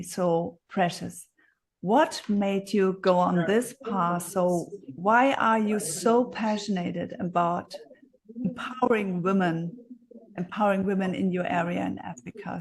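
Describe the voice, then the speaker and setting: Woman host, slow soft calming voice, grounding breathing guide. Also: mid-range voice. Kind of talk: guided meditation and interview questions.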